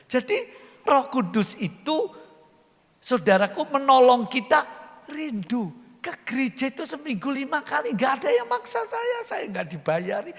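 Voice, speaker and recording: Older man, preaching, animated, roomy hall. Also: extremely high pitch, creaky. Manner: animated, acts out voices in dialogue, swings loud and soft. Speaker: pastor. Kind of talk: sermon. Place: large church hall. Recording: echoey church hall.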